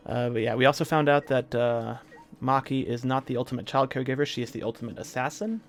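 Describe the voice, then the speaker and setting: Quick and casual, a man with a rough, hoarse medium-pitched voice narrates his video game live stream. He wanders from thought to thought, peppering his talk with fillers and restarts.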